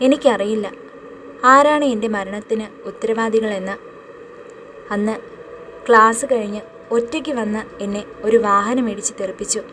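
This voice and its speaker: A tearful young ghost recounts her own death in a soft, pleading voice, put on by a woman narrator. The mid-pitched voice fits a bedtime horror audio story. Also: a little hiss or hum, natural voice, rough recording.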